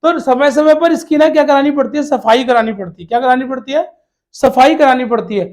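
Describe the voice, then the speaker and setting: A man's voice: very high voice, a little fast. A male teacher giving an exam-prep lesson to children, addressing them fatherly as "beta" and asking questions he answers himself, repeating key words. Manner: calls students "beta" in a fatherly way.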